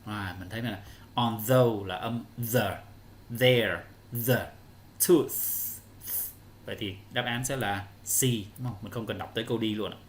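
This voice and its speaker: A man's voice: fairly low pitch, steady tone, fairly quick, a little hiss or hum. A male English teacher, explaining answers step by step to children in an online lesson.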